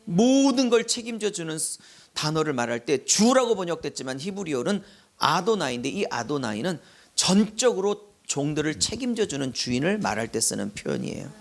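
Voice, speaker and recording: A middle-aged man preaching a sermon with a gravelly, fairly high voice. His pitch swings widely. He rises to loud calls and drops to hushed asides. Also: big pitch swings, fairly quick. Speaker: pastor. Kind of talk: expository sermon.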